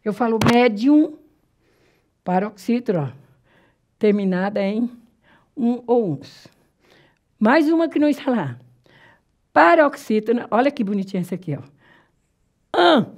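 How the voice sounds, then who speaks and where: A Brazilian woman teaching Portuguese grammar in a classroom lecture, explaining step by step, checking that the class follows, and slowly drawing out example words. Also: on the high side, animated, darkish tone. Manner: drawn-out, slow spelling of example words.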